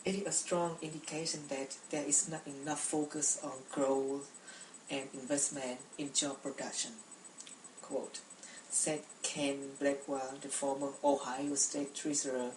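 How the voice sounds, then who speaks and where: A woman's voice: rumbling low, flat delivery, unhurried, darkish tone, echoey room, recorded from a distance, slight background noise, low-quality recording. A young woman from Cambodia giving a prepared class speech, speaking carefully with frequent restarts and repeated words.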